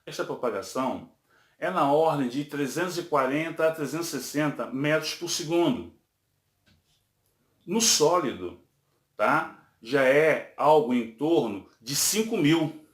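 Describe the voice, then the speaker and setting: A man's voice: on the high side, lively intonation, a little slow, echoey room. A man teaching a physics lesson, explaining step by step and checking in with tag questions.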